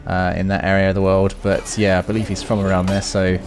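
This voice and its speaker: A deep, monotone male voice moves at a quick pace as he hosts a gaming video, tossing out casual, unplanned commentary and thinking aloud along the way.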